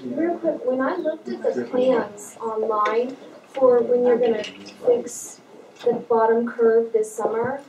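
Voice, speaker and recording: A woman's voice: a little high, slow pace, noisy background. Distant woman asking from the crowd, echoey. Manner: earnest, detailed, rambling. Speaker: resident asking a question. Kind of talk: public comment at a town hall. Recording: roomy, distant mic pickup.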